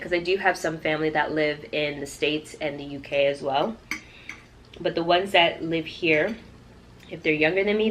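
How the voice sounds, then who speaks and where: Woman vlogger from canada, lowish voice, chatty storytime to viewers, bit of background noise. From Toronto, Canada. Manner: conversational, addressing viewers directly. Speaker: YouTube vlogger. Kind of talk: casual chatty mukbang storytime.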